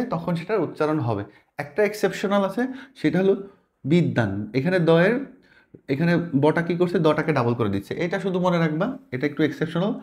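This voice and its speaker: A man's voice: on the high side, a little mellow. A man teaching a pronunciation lesson, explaining step by step and asking questions that he answers himself. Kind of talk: spoken language lesson.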